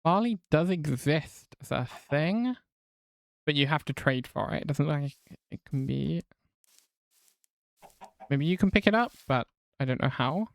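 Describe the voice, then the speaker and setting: A man's voice: on the high side, expressive, measured pace, gravelly, pauses often, dry recording, clean studio sound. A man streaming a video game who chats with his viewers in a casual, wry and self-mocking way and laughs often. He has a non-rhotic English accent. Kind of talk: casual live-stream chat while gaming.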